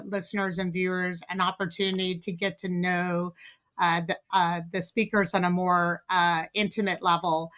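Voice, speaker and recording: A woman's voice: mid-range voice, bright, forceful tone. A woman hosting a podcast interview, enthusiastic, with frequent fillers and restarts as she talks. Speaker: podcast host.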